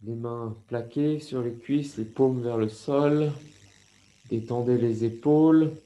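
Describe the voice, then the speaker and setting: A man with a French accent leading a yoga class over a video call, giving slow, calm instructions with breathing cues. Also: mid-range voice. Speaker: yoga teacher.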